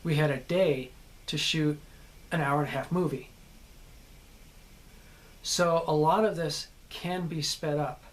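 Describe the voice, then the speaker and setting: A man's voice: a little high, fairly even intonation, slow, pauses often. Earnest man explaining acting craft. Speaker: actor. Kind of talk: instructional talk on acting.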